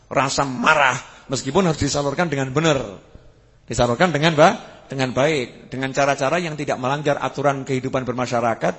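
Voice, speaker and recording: A man preaching a sermon, animated, building to emphatic peaks and asking his listeners questions. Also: medium pitch. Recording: husky voice with long hall reverb.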